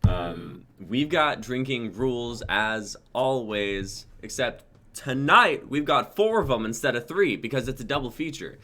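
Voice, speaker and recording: The host of a livestreamed script-reading show, a man in his twenties, has a medium-pitched, expressive voice that sounds pushed and bright. He keeps a measured pace with hardly any pauses, staying informal, hyped and sweary over noisy home audio.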